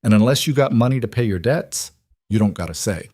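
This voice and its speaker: A brash, weasel-faced frontier auctioneer barks his patter across a crowd, voiced by a man. The delivery is loud and pushy, set up higher than the reader's own low voice. It is a dry, close storybook reading. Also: animated, fairly quick, dry recording. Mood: sharp.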